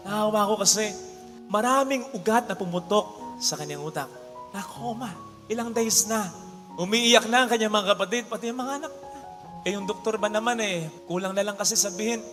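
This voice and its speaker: A man preaching as a priest, telling a story in an animated way that swings between loud exclamations and hushed lines. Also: high-pitched. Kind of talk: sermon with storytelling. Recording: long hall reverb with faint music behind.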